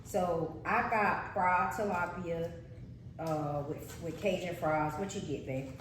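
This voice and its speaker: A young pregnant woman co-hosting a vlog chats casually with her viewers over a meal at an indoor restaurant table, often calling them y'all. Her voice is fairly low with fairly even intonation and a slow pace. The room is very echoey, with faint noise.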